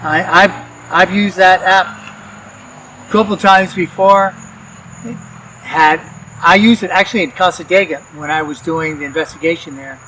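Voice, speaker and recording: A man hosting a paranormal vlog, speaking in a hushed, coaxing way as he addresses spirits in a cemetery at night. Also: high-pitched, unhurried, long pauses, a little hiss or hum, low-quality recording. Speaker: paranormal investigator host. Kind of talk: casual vlog narration.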